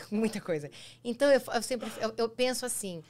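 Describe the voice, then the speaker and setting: A woman's voice: fairly high pitch, a little fast, a little mellow. A woman from Brazil hosting a podcast, chatty and storytelling, slipping in English phrases. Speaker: podcast host. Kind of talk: podcast conversation.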